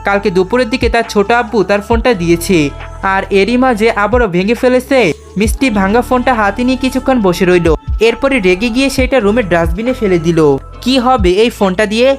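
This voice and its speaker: A woman narrating a scripted story in a steady, even reading voice. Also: mid-range voice, fairly quick. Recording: faint background music.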